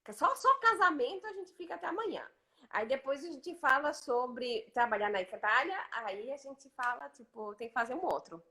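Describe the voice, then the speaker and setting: A woman's voice: high-pitched, animated, normal speed, bright, forceful tone. A Brazilian woman hosting a casual live chat, talking emphatically and eagerly repeating her agreement. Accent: Brazilian Portuguese. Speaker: host.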